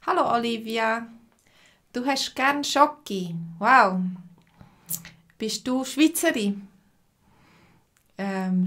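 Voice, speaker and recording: She's from Switzerland and speaks with a Swiss German accent while teaching a live stream lesson. Viewers get greeted by name, and she explains things slowly and plainly, using many fillers, in a medium-pitched, slightly bright voice.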